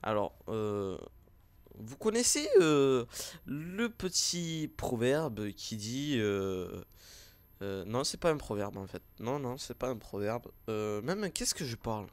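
A man's voice: mid-range voice, sing-song, slow, smooth. A man with a regional accent, a gaming YouTuber, talking casually to his viewers with many fillers and restarts. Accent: French-speaking regional accent. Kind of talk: casual vlog talk to viewers.

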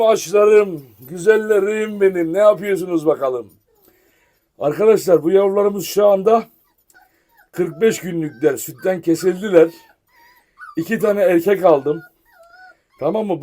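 A man running a dog farm talks casually to his viewers and coaxes his dogs in a lively way. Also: high voice, no echo. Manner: lively, switches between chatting to viewers and coaxing dogs. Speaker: dog farm owner and vlogger.

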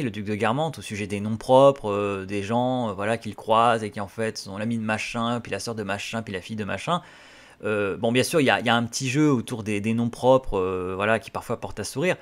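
A man hosting a literature channel, explaining in a casual, halting way with frequent hesitations. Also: fairly low pitch.

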